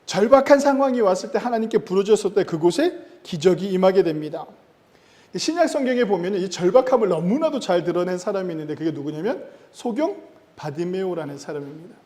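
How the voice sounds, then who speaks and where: A man preaching a Sunday sermon as pastor, pressing hard on key words and then dropping to a quiet tone. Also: sits high, animated, fast. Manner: emphatic preaching with rising stress and sudden drops in loudness. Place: church sanctuary. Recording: long church-hall reverb.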